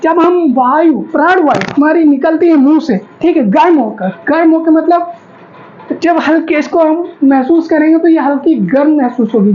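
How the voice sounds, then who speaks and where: Brief: high-pitched female teacher, repetitive syllable drills, slightly muffled audio with faint background noise. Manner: drills sounds aloud, asks class to repeat. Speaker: Hindi grammar teacher. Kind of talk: classroom lesson with drilled syllables.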